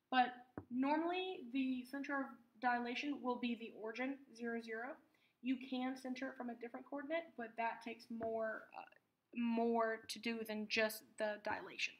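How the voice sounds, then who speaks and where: A woman teaching a math lesson, patiently explaining terms and repeating key words slowly for emphasis. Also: a little high, fairly bright tone.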